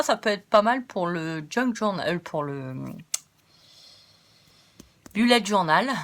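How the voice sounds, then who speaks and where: A woman's voice: mid-range voice, fairly bright tone. A French woman chatting through a craft-supply haul, laughing often, joking about herself and thinking aloud with lots of fillers. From France. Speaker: craft vlogger. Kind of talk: casual haul chat.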